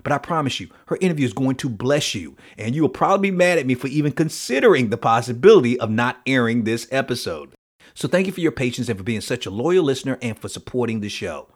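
Expressive, husky man hosting a podcast. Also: medium pitch, quick pace. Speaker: podcast host. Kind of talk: upbeat scripted podcast hosting.

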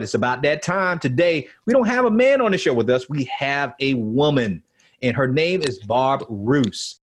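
Expressive, husky man hosting a podcast. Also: medium pitch. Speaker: podcast host. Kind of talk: upbeat scripted podcast hosting.

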